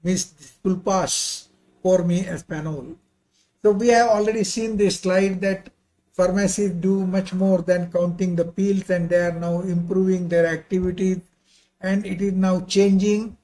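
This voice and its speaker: A man's voice: high voice, little pitch movement, normal speed, warm tone, poor audio. An older man giving a slide lecture over a video call in non-native-sounding English, courteous and given to informal, rambling asides. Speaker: visiting pharmacy professor and associate dean.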